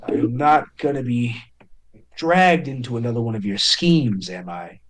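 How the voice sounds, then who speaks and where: A man's voice: a little high, big pitch swings, moderate pace. A man voicing a weary, wary male tavern keeper who scoffs and sounds disappointed.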